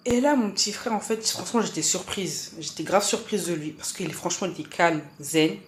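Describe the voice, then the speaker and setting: A woman's voice: lowish voice, fairly quick. Woman telling her story on her channel, super casual, slangy, lots of fillers. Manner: slangy, chatty, acts out dialogue.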